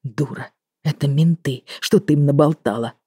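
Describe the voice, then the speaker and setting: A woman's voice: deep voice, normal speed, dark tone, husky, no room sound, studio quality. A woman reading an audiobook and voicing an angry young male criminal who barks harshly at his lover. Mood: furious. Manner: barking, harsh.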